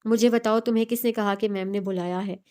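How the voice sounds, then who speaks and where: A woman's voice: medium pitch, steady tone, fast, a little mellow, smooth, natural voice. A woman voicing a worried, exasperated young female student in a storybook reading. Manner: exasperated, questioning.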